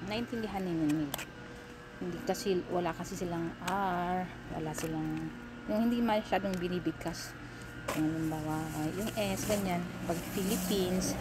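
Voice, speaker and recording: A chatty woman vlogger with a slightly low voice tells a relaxed story, laughing at herself now and then. She repeats words to show their pronunciation, and steady ambient sound runs behind her. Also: very noisy. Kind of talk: casual storytelling vlog. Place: living in Korea.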